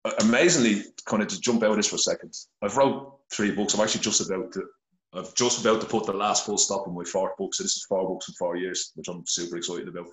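A man's voice: low voice, quick pace, reverberant, low-quality recording. A middle-aged Irish man with a blunt, earnest manner and heavy swearing, telling his story as a podcast guest over a phone. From Ireland. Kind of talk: candid conversational storytelling. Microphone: phone held to face.

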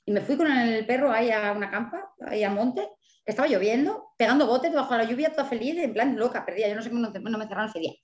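A Spanish novelist, a guest in a casual interview, tells stories as an animated storyteller, acting out the voices of the people she quotes and laughing often. Her voice is on the high side and fast, and the audio is reverberant and dull.

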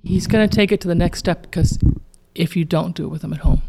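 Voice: mid-range voice, steady tone, brisk, gravelly, mellow, slight background noise. A parenting coach giving emphatic advice in a coaching conversation, repeating key phrases and acting out what a child or parent would say.

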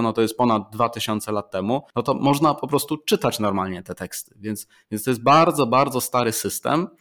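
A middle-aged male professor talks through a subject in a measured, explanatory way. He works through examples and often pauses on fillers or restarts a word. His pitch sits at an ordinary middle level for a man. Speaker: professor of Chinese, interview guest. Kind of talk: explanatory interview talk.

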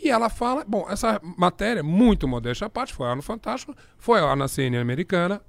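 Middle-aged Brazilian man, journalist, animated storyteller, high voice, dry close sound. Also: fast, creaky, no echo. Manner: animated, laughs often, acts out quoted voices. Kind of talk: anecdotal storytelling in a conversation.

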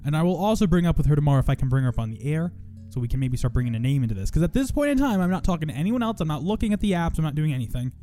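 A man's voice: a little high, sing-song, very fast, few pauses, warm tone, soft background music. Rambling, profane man hosting a podcast. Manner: profane, rambling, self-mocking. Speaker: podcast host. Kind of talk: casual chat.

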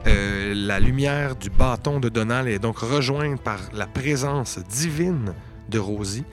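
A man with a Quebec French accent, narrating a tabletop game as game master in an unhurried, descriptive way. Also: medium pitch, soft background music. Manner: descriptive, unhurried storytelling with many fillers.

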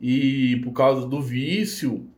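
A man, a podcast guest, telling a personal story in a halting, emotional way. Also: medium pitch, steady tone, a little mellow. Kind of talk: casual storytelling. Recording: roomy echo.

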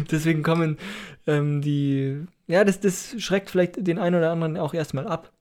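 A man's voice: on the high side, fairly even intonation, normal speed, darkish tone. A man casually explaining things on a podcast, hesitant with many fillers and a teasing edge. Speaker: podcast co-host explaining dialects.

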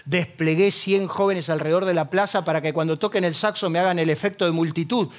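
High-voiced Argentine pastor preaching. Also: male voice, steady tone, fairly quick. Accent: Argentine Spanish. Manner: humorous storytelling, acts out voices. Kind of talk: sermon.

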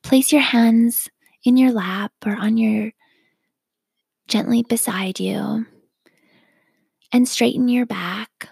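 A woman leading a guided self-awareness meditation, speaking softly and calmly with a whispery, breathy delivery. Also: a little high, no echo. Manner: slow, calm, gently instructive.

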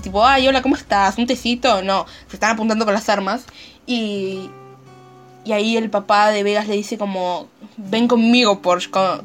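A woman with an Argentine accent excitedly retelling and commenting on a series episode, acting out lines and gunshot sounds. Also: medium pitch. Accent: Argentine Spanish. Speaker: series reviewer. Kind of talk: casual recap and commentary.

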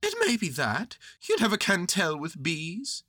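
A woman voicing an earnest, scheming, silly male toy bear from a children's storybook, with excitable, self-important pronouncements. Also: fairly low pitch, a little slow, no room sound, clean studio sound, pitched above the performer's own voice, heavily acted. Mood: hushed suspicion.

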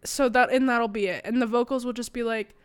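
A woman chatting casually, playful and quick to laugh, directing the others. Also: fairly high pitch, steady tone, clear, resonant tone, dry recording. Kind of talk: casual chat.

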